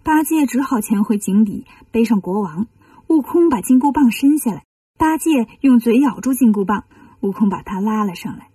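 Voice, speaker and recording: A woman telling a children's story, reading in a gentle, lively way. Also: fairly high pitch, moderate pace, slightly rough, no room sound, recorded from a distance.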